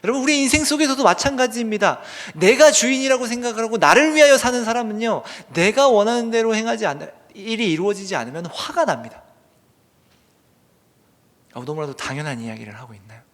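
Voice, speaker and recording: Male pastor, earnest sermon, lively rising and falling delivery, long church reverb. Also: high-pitched, a little fast. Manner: earnest, asks the congregation rhetorical questions; swings between loud emphatic bursts and hushed whispers. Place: church sanctuary.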